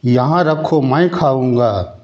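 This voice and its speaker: Man voicing a slow, greedy, bossy storybook jackal. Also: medium pitch, darkish tone, dull audio, close to an everyday voice. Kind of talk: children's folk-tale storytelling.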